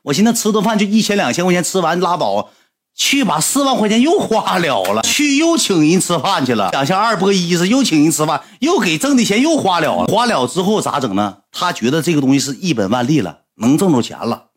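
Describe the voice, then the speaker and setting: A man, telling a story to his livestream audience in a blunt, animated way and swearing freely. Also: sits high, fairly quick. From Northeast China.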